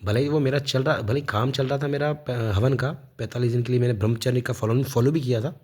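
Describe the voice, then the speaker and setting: Man, 30s, from India; soft warm tone, rambling off-the-cuff monologue, lots of fillers and restarts. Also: medium pitch, brisk, breathy edge. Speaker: vlogger. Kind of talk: casual spoken monologue.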